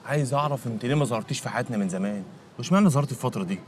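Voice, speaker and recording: An actor in a comedy series playing a quiet young man who gives brief replies, with an Egyptian Arabic accent. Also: mid-range voice, very fast, slight background noise, close to an everyday voice.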